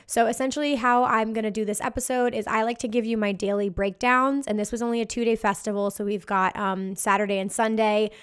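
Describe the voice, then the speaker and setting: A woman hosts a casual solo podcast, giving a monologue that recaps a festival with upbeat, giddy party-girl energy, though her voice sounds slightly worn from partying. Her voice is on the high side, clear and resonant, steady in tone, a little fast, with few pauses.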